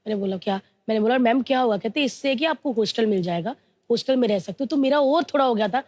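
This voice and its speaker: A woman in her thirties from India, telling her life story in an interview, slowly and earnestly, mixing English words into her talk. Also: fairly high pitch, a little mellow. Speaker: interview guest.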